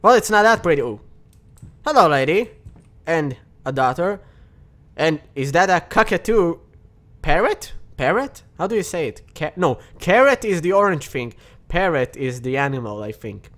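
Jumpy, high-voiced man yelping at a horror game. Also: normal speed. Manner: excitable, yelping and shouting at scares, jokey asides. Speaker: gaming channel host. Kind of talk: horror game let's play commentary. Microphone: desk mic with pop filter.

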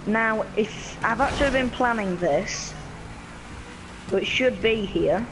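A man with a high voice hosts a gaming channel, chatting casually and rambling a bit while he plays, all with the hiccups. He talks slowly in a chatty, slightly scattered way. The recording is rough, with music in the background.

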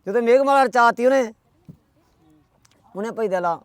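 A man's voice: extremely high pitch, normal speed, clean tone, dry recording. A man telling a folk tale in a rustic, chatty way, tagging every quote with who said it. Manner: rustic, chatty, with constant "he said, she said" tags. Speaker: storyteller.

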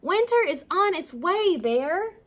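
A woman voicing an eager tiny ladybug in a storybook read-aloud, with high squealing calls. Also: very animated, takes it slowly, fairly bright tone, heavily acted. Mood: excited.

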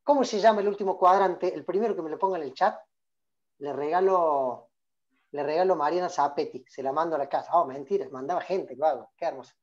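A man's voice: on the high side, a little fast, darkish tone, muffled recording. Rioplatense man coaching over video call. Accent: Rioplatense Spanish. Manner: engaging, calls on listeners by name, many questions. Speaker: public speaking trainer. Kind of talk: interactive online workshop talk.

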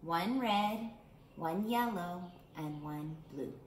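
A middle-aged woman who teaches at a children's art studio reads a picture book aloud to young kids at storytime, speaking slowly in a fairly low voice. Her phrasing is simple and clear, and she asks the little listeners questions. The small indoor room sounds roomy and echoey, with clear background noise.

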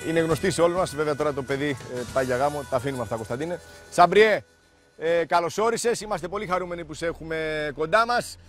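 A man's voice: fairly high pitch, very fast, soft background music. A man hosting a reality competition show, chatty, with frequent hesitant fillers. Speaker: show host.

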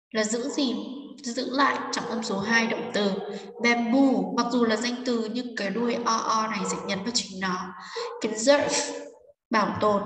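A woman teacher explaining an English exam step by step, reading English words aloud and then explaining them. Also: a little high. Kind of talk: exam walkthrough lesson. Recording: echoey room, distant mic, faint noise.

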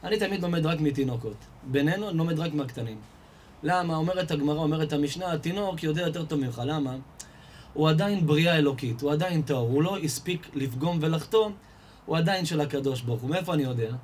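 Animated, slightly high-voiced rabbi preaching. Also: male voice, slight background noise. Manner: animated storyteller, asks and answers his own questions, rises in pitch and volume. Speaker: rabbi giving a Torah lesson. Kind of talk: lively sermon with stories and rhetorical questions. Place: live event hall before an audience.

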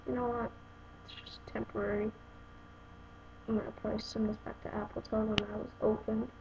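Young woman, casual unboxing vlog, raspy creaky voice, rambling and exasperated, dull lo-fi recording with hiss. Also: on the high side, level tone, fairly quick. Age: young adult. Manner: rambling, exasperated, talks straight to viewers. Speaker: vlogger reviewing a phone case. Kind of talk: casual unboxing review to camera. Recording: dull lo-fi home video with noise.

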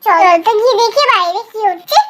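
Squeaky little girl Pakhi. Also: lively intonation, fairly bright tone, slight background noise. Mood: excited. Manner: squeaky, rapid childish chatter. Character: little girl grandchild, excited and chatty.

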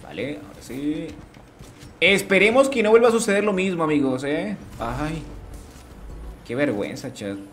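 A man's voice: a little high, sing-song, moderate pace, pauses often, fairly bright tone. Streamer guy chatting with chat while he plays, voice goes up and down a lot, little hiss behind. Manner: chatty, greets chat, slangy. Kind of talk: live game streaming commentary.

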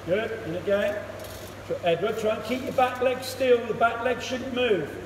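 A man coaching cricket in a big indoor net hall, his high voice picked up from across the room. He gives brisk instructions and quick praise. The hall rings with a long echo, and loud noise sits under everything. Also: distant mic. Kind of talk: one-to-one coaching session. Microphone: camera across the net, far off.

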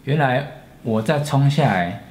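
A man in his forties with a Taiwanese Mandarin accent, earnestly recounting a personal story with pauses and restarts. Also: mid-range voice, lively intonation, a little mellow. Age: 40s. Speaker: storyteller, channel host.

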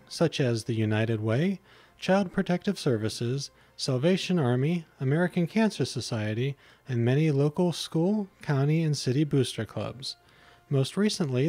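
A man's voice: on the high side, a little mellow, no room sound. A man reading a scripted promotional narration as an infomercial narrator.

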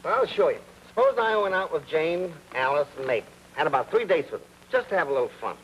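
An actor with a Brooklyn accent playing a cocky young mechanic who talks in brash, teasing wisecracks. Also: male voice, a little high, big pitch swings, fast, a bit bright, muffled recording, a little hiss or hum. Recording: 1940s film soundtrack with faint music.

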